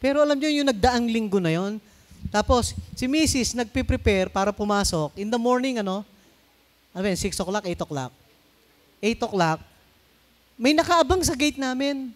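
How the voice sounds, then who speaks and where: A man's voice: very high voice, lively intonation, moderate pace, long pauses. A middle-aged Filipino man preaching a sermon in a conversational way, mixing in English phrases and asking the congregation to answer him. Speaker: pastor.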